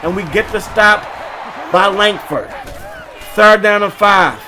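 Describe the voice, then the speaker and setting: A man with a very high voice calls a football video game play by play. His tone is bright and forceful, and his delivery is animated and joking. He often breaks into excited shouts. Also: slow, some chatter behind, a little hiss or hum. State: short of breath at times. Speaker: gaming YouTuber.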